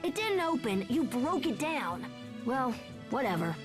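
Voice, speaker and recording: In a video game dub, a woman voices a brash, headstrong young boy with a caring big-brother side, sounding excited and surprised. Her voice sits high at a measured pace, casual, lively and impulsive, with music playing underneath.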